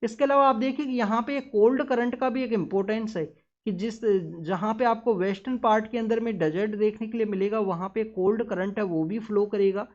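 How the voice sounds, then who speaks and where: A woman's voice: fairly high pitch, a little fast, a little mellow. A woman teacher giving a newspaper analysis lesson, talking straight to her students and explaining step by step with English terms mixed in. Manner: lecturing, often addresses students directly. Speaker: exam-prep teacher. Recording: slightly dull, muffled recording.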